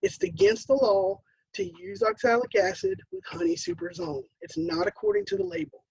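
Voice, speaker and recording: A woman's voice: extremely high pitch, lively intonation, normal speed, creaky, a little mellow, no echo, lo-fi sound. An American woman giving a chatty, explanatory webinar presentation on beekeeping, with light self-deprecating asides. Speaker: beekeeping educator.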